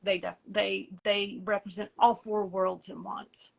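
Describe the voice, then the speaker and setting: A woman with an Appalachian accent giving an informal video lecture in a halting, conversational, self-deprecating way. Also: mid-range voice, flat delivery, vocal fry, background noise. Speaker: presenter explaining esoteric tarot.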